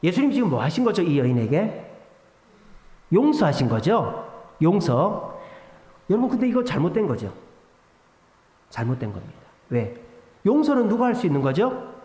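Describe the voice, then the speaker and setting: A man with a high-pitched voice delivers a sermon in a church, and his pitch swings widely as he moves between questions and answers. He fires rhetorical questions at the congregation and acts out other people's words dramatically. The recording is echoey, with a long hall reverb. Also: big pitch swings, moderate pace, pauses often, warm tone. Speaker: pastor. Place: church sanctuary.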